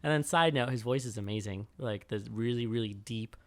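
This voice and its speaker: A man co-hosting a podcast in casual chat, laid-back and quick to laugh. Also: medium pitch. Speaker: podcast co-host.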